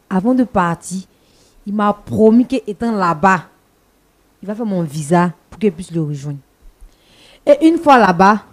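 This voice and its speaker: Woman acting resentful wife, forceful, quick retorts, mid pitch. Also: close to an everyday voice. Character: wife who left her husband, resentful. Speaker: talk-show guest.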